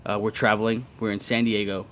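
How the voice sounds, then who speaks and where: A man with a slightly low voice hosts a loose sports podcast outdoors in a backyard at night. He banters and curses freely while trying not to be too loud for the neighbours. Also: little pitch movement, a little fast. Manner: profane, joking banter; keeping somewhat quiet outdoors so as not to disturb neighbours. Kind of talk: casual podcast chat.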